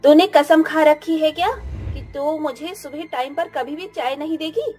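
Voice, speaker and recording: A man voicing a cruel, shouting middle-aged mother-in-law in a spoken storybook. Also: big pitch swings, a little slow, faint music behind, exaggerated voice. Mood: taunting. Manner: shrill, scolding, shouting insults. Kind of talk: storybook narration with voices.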